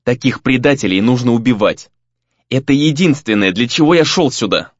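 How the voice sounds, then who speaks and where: A grim, vengeful young male spell-caster , voiced by a man, speaks in short, harsh, dry lines. The delivery moves lively up and down. The dull, lo-fi recording sounds dry, with no room echo. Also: medium pitch, normal speed, natural voice.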